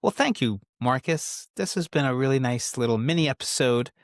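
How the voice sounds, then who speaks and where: A man's voice: mid-range voice, expressive, moderate pace, no room sound. A middle-aged man with a Bronx accent hosts a casual interview, prompting with easygoing questions and short replies. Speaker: host interviewing his son.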